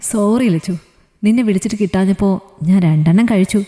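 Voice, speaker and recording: A woman's voice: mid-range voice, fast, warm tone, lightly acted. A woman storyteller voicing a young man who pleads and jokes with his fiancée, in a reverberant room. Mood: earnest. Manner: pleading, joking. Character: young man, loving and gently teasing fiancé.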